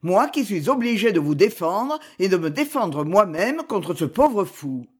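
A man's voice: high voice, very animated, a little slow, darkish tone, slightly rough, full character voice. A man reading a novel aloud, voicing a pompous, self-important head of a noble family who declaims.

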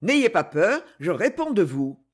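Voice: medium pitch, very animated, measured pace. A fierce, self-assured swordsman who speaks in commanding threats, with plenty of rise and fall in the voice, as a reader acts him out. Audiobook character reading.

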